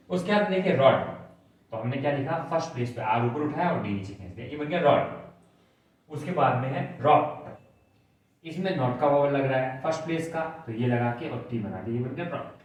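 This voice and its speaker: A man's voice: medium pitch, a little mellow. Man teaching shorthand in an echoey room. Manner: patient, step by step, asks if students follow. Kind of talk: classroom lesson explaining on a board. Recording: very echoey room, mic at a distance.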